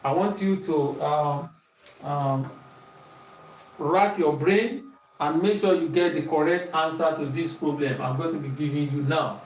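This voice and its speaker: A man with a Nigerian accent and a slightly high voice teaches an online maths lesson at a measured pace, working through examples, repeating questions, and reading out students' answers. He's off-mic and distant in an echoey room with faint hiss.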